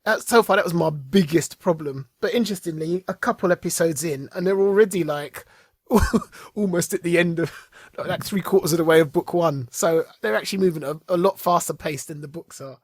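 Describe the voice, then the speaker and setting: On a podcast reviewing TV shows, this male co-host speaks fairly quickly in a fairly high, husky voice, laughing a lot and trailing off mid-sentence. The sound is clean studio audio without echo.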